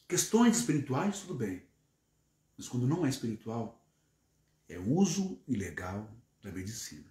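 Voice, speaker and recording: Emphatic Brazilian preacher in echoey room. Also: male voice, mid-range voice, a little mellow. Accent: Brazilian Portuguese. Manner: emphatic, builds long repetitive lists. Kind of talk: sermon.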